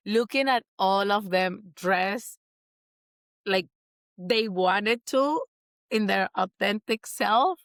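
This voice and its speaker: A woman's voice: mid-range voice, big pitch swings, extremely slow, pauses often, fairly bright tone, dry recording, clean studio sound. A woman co-hosting a casual sports podcast, giggly and self-deprecating as a new fan. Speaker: podcast co-host. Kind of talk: casual chat.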